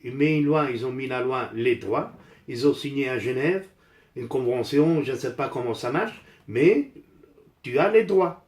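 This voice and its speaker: Here the older Italian man sounds animated, with a medium, darkish voice at normal speed. An amateur DIY vlogger, he chats in French with his Italian accent, blunt and casual as he fixes things and repeats phrases to stress them. The recording has a roomy echo.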